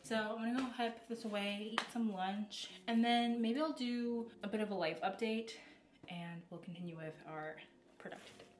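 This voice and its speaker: A young woman chatting casually to camera at home as a vlogger, relaxed and full of likes and ums. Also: fairly high pitch, moderate pace, heavy background noise. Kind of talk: casual vlog chat to camera. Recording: roomy echo.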